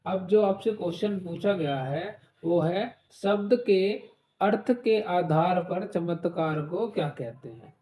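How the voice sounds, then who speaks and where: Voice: mid-range voice, slow, dark tone, echoey room. A Hindi teacher leading an exam-prep class, explaining with everyday examples, asking questions and checking in often. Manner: asks rhetorical questions and says "ठीक है" often.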